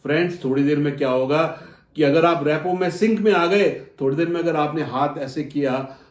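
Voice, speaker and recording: A man teaching a lesson on rapport, lively and acting out customer conversations, calling his listeners friends. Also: a little high, moderate pace. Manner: animated, acts out customer dialogues. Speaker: soft skills coach. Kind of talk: motivational lesson. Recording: echoey room.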